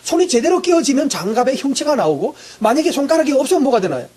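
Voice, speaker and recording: A male pastor preaching a sermon, asking the congregation questions and answering them himself, often clearing his throat. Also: very high-pitched, sing-song, fast, a little mellow.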